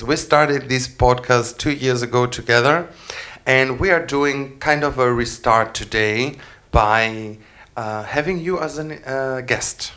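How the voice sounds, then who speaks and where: A man from Greece hosts a casual podcast interview. He talks in an earnest, reflective way, at an ordinary middle pitch. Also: pushed and bright. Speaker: podcast host.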